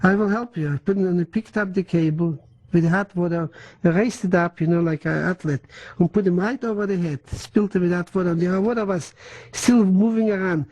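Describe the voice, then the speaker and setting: An older man who is not a native English speaker gives oral history testimony in a halting way, full of restarts and German words. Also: high-pitched, steady tone, a little mellow, low-quality recording. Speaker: interviewee.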